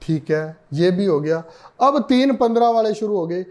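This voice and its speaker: A male teacher takes a reasoning lesson slowly, repeating himself and posing questions he then answers. His voice is high and a little mellow, with lively intonation.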